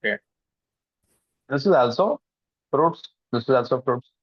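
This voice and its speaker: A man teaches a live online programming class, walking through each step and often asking whether the students are keeping up, switching between English and Hindi as he goes. His voice is medium-pitched with lively intonation, a little slow, with a breathy edge. The recording is dry and slightly muffled, like a call.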